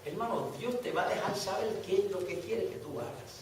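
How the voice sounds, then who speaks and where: A middle-aged man teaching a church Bible study, his voice sitting high and ringing with fervor. He repeats key phrases and keeps asking the room if they follow. The sound is a distant mic in a very echoey hall with a faint hiss behind it. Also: a little fast. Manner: fervent preaching, repeats phrases, asks "¿verdad?".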